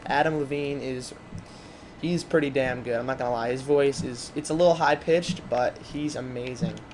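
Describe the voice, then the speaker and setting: A man giving casual, rambling gameplay commentary, chatting excitably to his viewers. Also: medium pitch, a little hiss or hum.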